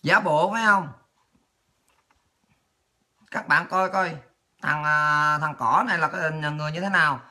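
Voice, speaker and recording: A woman's voice: low voice, unhurried, pauses often, sharp tone. A woman hosts a political livestream, scolding and mocking in a profane rant. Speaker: political talk show host.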